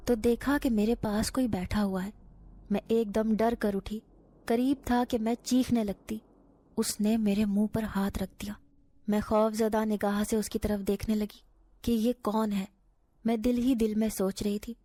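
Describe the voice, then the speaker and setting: A woman reading a first-person horror story aloud as scripted narration, in a steady storytelling manner. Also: medium pitch, a little hiss or hum.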